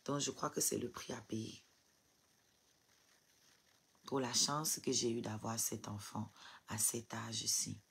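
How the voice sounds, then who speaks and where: Woman, husky voice, crying, defiant, rhetorical questions, live stream, phone mic. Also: a bass voice, slow pace, long pauses, a bit bright. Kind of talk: emotional live stream rant.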